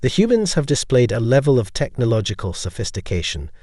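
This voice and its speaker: A man reads a cautious female alien envoy in a sci-fi audio story. Her words are measured and diplomatic, with a lively lilt. The recording is dry. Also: mid-range voice, no room sound.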